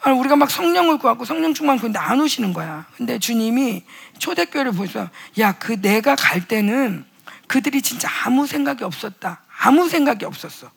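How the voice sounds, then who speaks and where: A woman preaching at a church youth revival, swinging between hushed quoted voices and loud exclamations, acting out the people in her stories and leading the congregation to repeat after her. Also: a little high, lively intonation, brisk, gravelly, slightly rough. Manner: leads congregation in call and response. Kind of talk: animated sermon. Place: church sanctuary.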